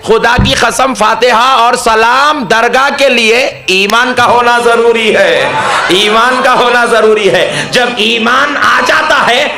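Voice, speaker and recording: A man with a high, bright, ringing voice delivers a devotional sermon. He repeats lines for weight, talks straight to his listeners and rises to shouted climaxes. The sound is echoey, like a hall PA. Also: takes it slowly, creaky. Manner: addresses crowd directly, invites questions. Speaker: preacher.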